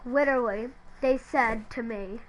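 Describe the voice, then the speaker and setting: Woman narrator, slow hesitant storytelling, faint background noise. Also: on the high side, poor audio. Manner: hesitant, halting with restarts. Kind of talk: creepypasta narration.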